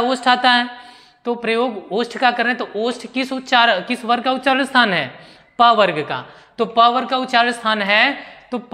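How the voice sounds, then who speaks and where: Bright-voiced male teacher in echoey room. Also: very high voice. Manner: asks rhetorical questions and answers them himself; repeats key terms slowly for emphasis. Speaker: Hindi grammar teacher. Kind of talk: classroom lesson explanation.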